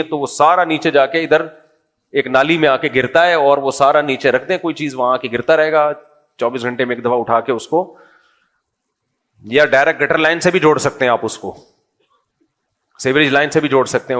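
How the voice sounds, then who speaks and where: A man's voice: on the high side, fairly bright tone. A middle-aged man, a religious scholar, giving a humorous, conversational religious talk and quizzing his audience.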